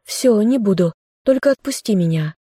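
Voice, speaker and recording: Female reader doing the captive heroine, young and fiery, high and furious. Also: animated, moderate pace, husky, no echo, clean studio sound. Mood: defiant. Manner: defiant, shouting.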